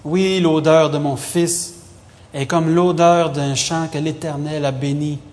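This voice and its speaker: Solemn old patriarch, as a man reads him, slow and grave, slightly high voice, long hall reverb. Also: fairly even intonation, darkish tone. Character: aging blind father, solemn patriarch.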